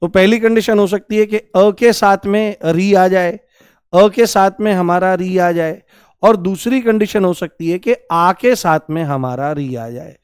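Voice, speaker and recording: A man's voice: sits high, smooth, dry recording, studio quality. A young man teaching a Hindi grammar class who keeps quizzing his students with questions and stretches out the answers in a sing-song way. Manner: repeats key answers in a drawn-out, sing-song way. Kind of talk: classroom lecture.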